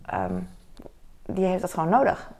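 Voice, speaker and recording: A woman's voice: fairly low pitch, wildly swooping pitch, normal speed, a little mellow, a little hiss or hum. A young adult woman vlogging in casual chat, rambling with lots of fillers and asides. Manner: rambling, frequent fillers and "weet je wel".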